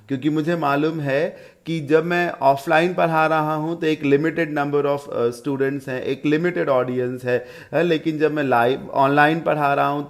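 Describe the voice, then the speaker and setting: A man with an Indian English accent teaching English idioms, reading sentences slowly and explaining them in Hindi, spelling words out letter by letter. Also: a little high.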